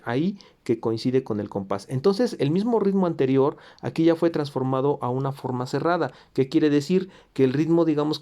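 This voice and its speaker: A man's voice: medium pitch, warm tone. A man teaching a recorded music theory lesson, explaining patiently with fillers and self-corrections. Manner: sings rhythms in syllables.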